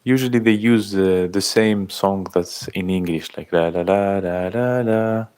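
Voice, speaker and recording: A man in his thirties from Algeria, chatting casually on a livestream, reading out and thanking viewers' comments in halting speech. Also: low-pitched, a little mellow, clean tone. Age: 30s. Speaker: livestream host. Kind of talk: casual live-stream chat.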